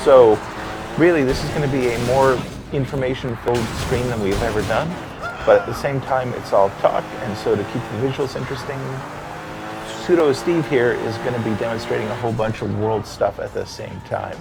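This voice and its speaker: A man's voice: mid-range voice, brisk, creaky. Man explaining a game update over hum. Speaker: game developer hosting a livestream. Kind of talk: casual livestream chat. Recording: background hum and noise.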